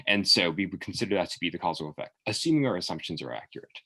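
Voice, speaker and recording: Fast-talking, low-voiced man in a job interview. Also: lively intonation, bright, forceful tone, slightly rough, low-quality recording. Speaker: candidate in a mock job interview. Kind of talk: explanatory interview answers.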